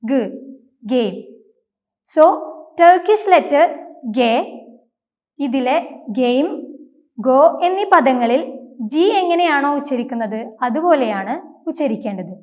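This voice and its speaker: A woman's voice: high voice, expressive, slow, pauses often, a little mellow. A woman teaching a language lesson in a scripted, careful way, saying each example word twice.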